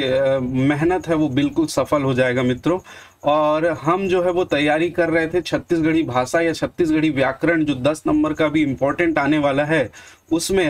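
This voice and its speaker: High-voiced Chhattisgarhi teacher explaining. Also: male voice. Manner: addresses viewers as friends, asks and answers own questions. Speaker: exam-prep teacher. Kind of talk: online lesson with examples.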